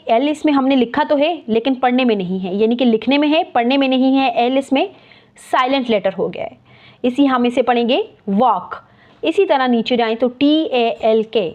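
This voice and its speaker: Woman teacher, fairly high voice, patient spelling-out of words, repeats terms, muffled lo-fi recording. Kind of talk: explaining a lesson.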